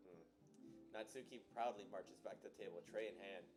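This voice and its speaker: A man's voice: on the low side, moderate pace. A man narrating a visual novel on a live stream, breaking off for jokey asides. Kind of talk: live game read-along, voice acting. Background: game music.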